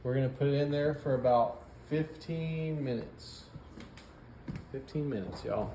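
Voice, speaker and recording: A man's voice: medium pitch, measured pace, mellow, reverberant, a little hiss or hum. A man hosting a home cooking video, walking through each step in an easygoing, jokey, folksy way. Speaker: cooking show host. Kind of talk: casual cooking demonstration.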